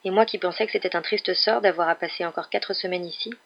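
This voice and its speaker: A woman voicing a polite, hesitant young wizard boy in an audiobook, keeping close to her own low voice. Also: steady tone, fast, vocal fry, husky, lo-fi sound. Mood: uneasy. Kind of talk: audiobook character voice.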